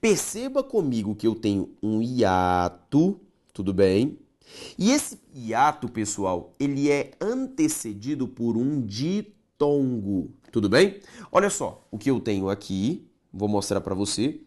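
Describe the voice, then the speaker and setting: Lively man teaching grammar. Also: mid-range voice. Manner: deliberate, stretches key words and checks in with "tudo bem?". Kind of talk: video grammar lesson.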